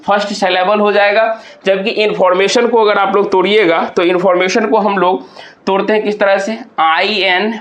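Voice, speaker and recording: A male teacher with a high voice explains exam answers one by one, asking himself questions before giving each answer. He is recorded in a roomy space with noticeable echo. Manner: explains step by step with repeated rhetorical questions. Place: hot room with a towel in use.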